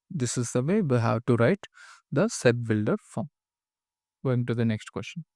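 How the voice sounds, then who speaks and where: A man teaching maths step by step, dictating symbols piece by piece with short pauses and methodically repeating questions and rules. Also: medium pitch, darkish tone, clear, resonant tone, dry recording, studio quality. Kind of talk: step-by-step worked-solution lesson.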